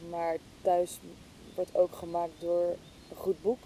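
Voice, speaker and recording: Speaking slowly with a flat, mellow delivery, this podcast hostess and interview guest muses casually and reflectively. She searches for her words hesitantly as she thinks out loud, over a clear low rumble in the background.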